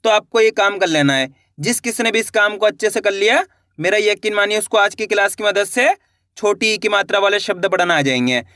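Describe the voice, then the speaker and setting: A man teaching how to read words in a video lesson, sounding them out slowly syllable by syllable and then explaining to his viewers. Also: sits high, lively intonation, pushed and bright, dry recording, clean studio sound. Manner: slow syllable-by-syllable word reading, then explains to friends. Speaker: Hindi reading teacher.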